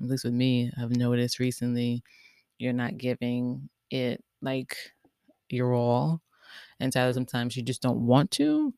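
A man talking casually and earnestly, thinking out loud with lots of fillers and restarts. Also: mid-range voice, gravelly, no echo, studio quality. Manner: rambling, filler-heavy, many likes and restarts. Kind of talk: casual reflective monologue.

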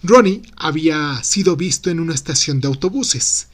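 A man's voice: a little high, expressive, normal speed. A man hosting a show, reading a true mystery story aloud as scripted narration. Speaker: podcast host and narrator.

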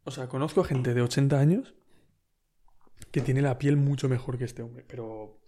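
Un hombre con acento de España que cuenta una anécdota en tono informal, relajado y con risas frecuentes. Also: male voice, medium pitch, moderate pace, mellow. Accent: Spain Spanish. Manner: laid-back anecdotal, laughs often, slangy. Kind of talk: casual storytelling.

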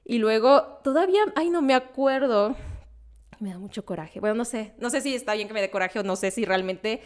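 Animated Mexican woman telling stories. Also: fairly high pitch, brisk. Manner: animated, laughing, slangy storytelling. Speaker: podcast co-host. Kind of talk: casual nostalgic chat.

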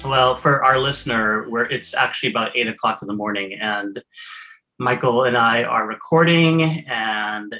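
A man with a slightly nasal, bright, forward voice, co-hosting a casual podcast. He tells stories with a wry, joking touch, keeping the banter light. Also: medium pitch, normal speed, soft background music. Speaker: podcast co-host. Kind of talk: casual chat.

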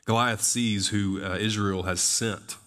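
A man's voice: fairly low pitch, fairly even intonation, a little slow, a bit bright. A man preaching a sermon in a loose, conversational way, full of fillers and rhetorical questions. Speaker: pastor.

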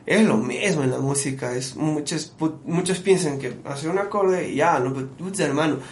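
A man, a musician and producer, telling stories in a casual podcast conversation with an animated, friendly manner. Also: a little high, moderate pace. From Bolivia. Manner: animated storyteller, often calls the listener "brother". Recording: echoey room with faint background noise.

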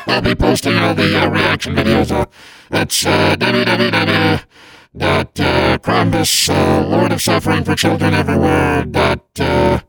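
A boastful male Christmas demon, played by a man, growls his mockery in a gravelly, fry-laden rasp that sits low but swings widely. He rambles and cackles with gleeful menace, over loud music. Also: wildly swooping pitch, unhurried, heavily acted, low-quality recording. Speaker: show host.

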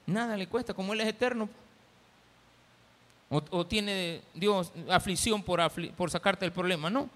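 Animated Salvadoran pastor preaching. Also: male voice, high voice, moderate pace, big-room sound. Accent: Salvadoran Spanish. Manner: animated, acts out quoted voices. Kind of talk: sermon.

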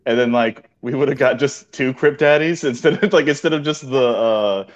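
A man's voice: mid-range voice, moderate pace. Man with a dull lo-fi sound. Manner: blunt, shock-humor quips. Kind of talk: casual crude banter.

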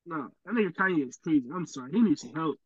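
Casting: male podcast co-host, high voice, emphatic and profane, a dry, slightly dull recording. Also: expressive, quick pace, crowd noise. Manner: emphatic, profane, pushes back. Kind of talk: casual chat.

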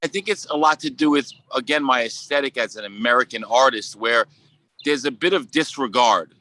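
Man, Brooklyn accent, bright forceful voice, dry close sound, casual rambling interview talk, halting phrasing. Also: mid-range voice, no echo. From Brooklyn, New York. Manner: halting, rambling, peppered with "you know". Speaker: podcast guest, sculptor.

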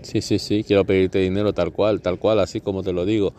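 Sarcastic man, low mellow voice. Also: level tone, brisk. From Catalonia. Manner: sarcastic, profane, ranting. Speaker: podcast host. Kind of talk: comedic podcast monologue.

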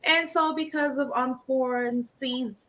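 Woman with a new jersey accent, higher pitch, bright, effusive, heartfelt. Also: steady tone, a little slow. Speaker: business owner and co-host. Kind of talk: casual chat.

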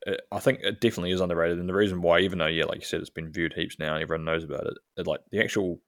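A man's voice: sits low, fairly even intonation, rapid-fire, dry recording, studio quality. A man co-hosting a casual podcast, keen and teasing, calling his friend mate. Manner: enthusiastic, teasing, says mate a lot. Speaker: podcast co-host. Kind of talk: casual chat.

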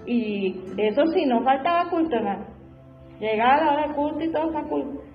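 A woman's voice: high-pitched, expressive, brisk. A woman preaching a sermon. She speaks fervently and keeps repeating her refrains to the congregation. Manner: fervent, repeats "hermano" and "gloria al Señor". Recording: echoey room, dull lo-fi sound, faint music behind.

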